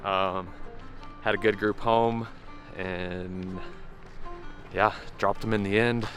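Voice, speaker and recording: A man's voice: on the low side, fairly even intonation, slow pace, a bit bright, faint music behind. A man giving a casual, self-deprecating recap of a bike race outdoors, a bit out of breath, with lots of fillers. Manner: laid-back, self-deprecating, many fillers. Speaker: pro mountain bike racer, vlog host.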